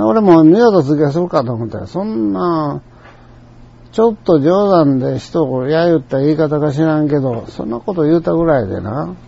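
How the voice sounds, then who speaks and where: Older Kansai man, mellow lo-fi anecdote. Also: medium pitch, creaky, a little hiss or hum. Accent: Kansai Japanese. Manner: chatty storyteller, colloquial and digressive. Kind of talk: rambling personal anecdote. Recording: dull lo-fi recording.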